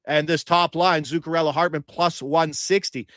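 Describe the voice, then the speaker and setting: A man's voice: a little high, steady tone, moderate pace, a bit bright, no echo, clean studio sound. A young man hosting a sports betting chat, feisty and argumentative, firing off stats.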